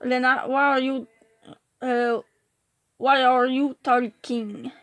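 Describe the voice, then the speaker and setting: A woman reading a storybook aloud puts on a flustered teacher who drags out her sentences and trips on her words. The voice sits high and is recorded close and dry, with no room sound. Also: fairly even intonation, clear, resonant tone, dry recording. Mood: halting. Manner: slow, halting, stumbling over words. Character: bumbling female English teacher.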